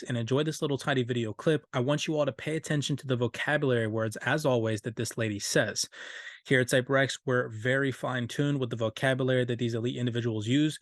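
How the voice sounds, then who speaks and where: A crypto channel host breaks down a finance video for viewers in a mid-range male voice. He speaks emphatically, stressing key words and repeating stock phrases. The recording is dry and close, with no room sound.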